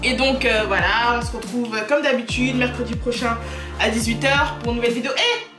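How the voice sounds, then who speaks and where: A young woman runs a relaxed story-time vlog, slangy and quick to laugh as she tells it. Her voice sits a little high. The room is echoey, and music plays clearly behind her. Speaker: vlogger host. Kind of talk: casual story-time chat.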